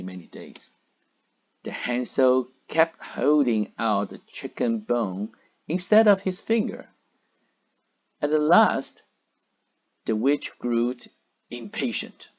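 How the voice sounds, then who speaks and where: A man reads a storybook aloud for children, slowly and with a very animated pitch. He pauses often to explain words and point out pictures. The recording sounds dull and lo-fi.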